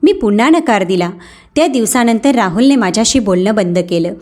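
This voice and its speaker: A woman's voice: fairly high pitch, lively intonation, a little fast, a little mellow. Woman storyteller reading first-person story.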